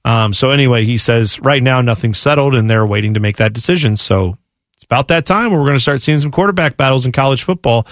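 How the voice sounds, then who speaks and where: This sports talk co-host, a man, has a mid-range voice and talks fast, recorded with clean studio sound and no room sound. On his college football show he casually reads news items and riffs on them conversationally.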